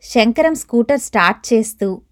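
A woman narrating a short story in a steady, even reading voice. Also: on the high side, moderate pace.

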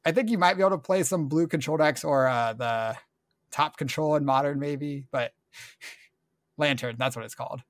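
A man's voice: fairly high pitch, moderate pace, no echo, clean studio sound. Man explaining things on a casual podcast. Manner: relaxed, explanatory, trailing off with filler words. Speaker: podcast co-host. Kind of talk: casual chat.

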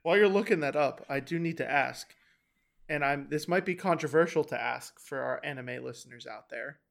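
A man's voice: fairly high pitch, moderate pace, vocal fry, a bit bright. A young man co-hosting a casual podcast, asking questions and reacting briefly. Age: young adult. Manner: asks questions, short reactions. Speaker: podcast co-host.

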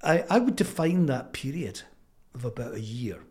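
An elderly man from Fife speaks with his local Scottish accent at a medium pitch. He talks as a guest in an interview, reflective and conversational. His delivery is thoughtful and halting, with plenty of pauses. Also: big pitch swings, darkish tone. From Fife, Scotland. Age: 70s.

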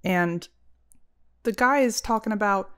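A woman co-hosting a podcast in casual chat, telling animated stories with some swearing. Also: mid-range voice, measured pace, clean tone. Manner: animated storytelling, profane. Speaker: podcast co-host.

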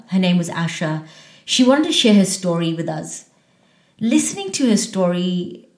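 A woman's voice: on the low side, darkish tone. A young adult woman hosting a podcast, born in northern England and raised in India, talking earnestly and from the heart. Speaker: podcast host. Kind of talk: solo podcast introduction. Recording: roomy echo.

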